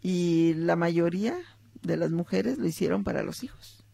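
Brief: middle-aged Mexican psychologist host, heavy vocal fry, dark mellow tone, storytelling manner. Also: female voice, fairly low pitch, normal speed, no room sound. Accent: Mexican Spanish. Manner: warm storytelling, acts out short quotes, addresses listeners. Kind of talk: reflective talk on motherhood and stories.

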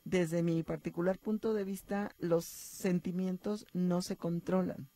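A woman's voice: lowish voice, unhurried, no echo. Radio guest, woman psychologist, dry close sound, explanatory. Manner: explanatory, calm, uses fillers like "este". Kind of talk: advice talk on radio.

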